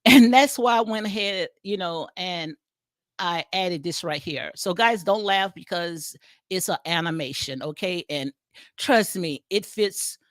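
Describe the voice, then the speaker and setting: This commentary vlogger, a woman with a Southern US accent, offers meandering, casual takes on a reality show over a livestream, peppered with fillers, restarts, and repeated phrases. Her fairly low voice moves at a measured pace, and the clean studio sound has no room noise.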